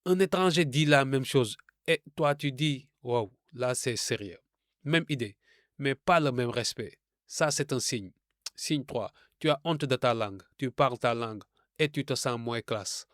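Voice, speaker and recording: A man's voice: medium pitch, unhurried, dry recording, studio quality. A man from francophone Africa giving a scripted commentary, didactic and rhetorical, speaking straight to the listener. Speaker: video essayist.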